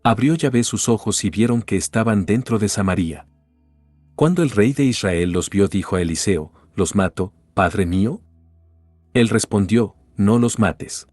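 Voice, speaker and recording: A man reading a Bible passage aloud in a steady, measured narration style, with the quoted lines barely acted. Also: on the low side, dry recording, faint music behind. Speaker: Bible reader.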